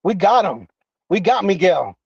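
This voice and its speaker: A man's voice: high-pitched, sing-song, a little slow, creaky, husky, dry recording, recorded from a distance, highs cut off. A man hosting a casual livestream who rambles and restarts, with lots of fillers as he talks to his chat. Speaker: livestream host.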